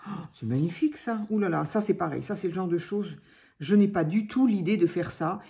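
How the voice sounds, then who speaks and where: A woman's voice: fairly low pitch, brisk, creaky, warm tone. A woman hosting her craft channel, chatting casually and gushing over paper creations with many fillers. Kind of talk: casual chat unboxing crafts.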